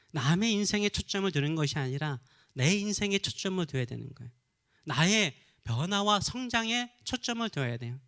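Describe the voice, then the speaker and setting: A man's voice: sits high, bright, forceful tone. A middle-aged male pastor from Korea preaching a sermon, telling a story and then crying out fervently in prayer.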